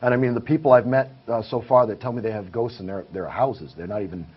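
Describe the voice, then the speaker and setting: A slightly rough, medium-pitched male voice speaks quickly. He's a paranormal investigator appearing as a guest in a casual interview, earnestly laying out his findings in detail. The audio is muffled with a faint hiss.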